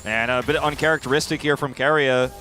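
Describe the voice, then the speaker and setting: A man's voice: medium pitch, steady tone, a little fast, bright, forceful tone. A man giving conversational esports commentary, explaining plays as an analyst caster. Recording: game broadcast with music behind.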